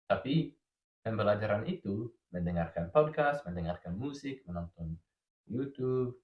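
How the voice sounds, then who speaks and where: A male foreign learner and native English speaker talking in careful, formal, halting Indonesian as a podcast guest, stuffed up with a cold. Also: lowish voice, lively intonation. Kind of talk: casual podcast interview. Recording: roomy echo, slightly dull sound.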